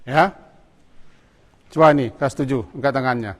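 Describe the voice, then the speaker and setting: The recording captures long reverb in a mosque prayer hall, where a man teaches students to pray with short commands, coaxing them along. This religious teacher has a mid-range voice and talks at a normal speed during the hands-on lesson.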